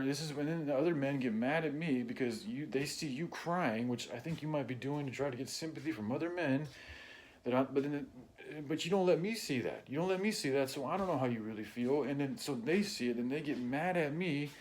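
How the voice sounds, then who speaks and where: A man in an unscripted personal rant, blunt and heavily profane, close to tears and often clearing his throat. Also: mid-range voice, a little hiss or hum. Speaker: vlogger.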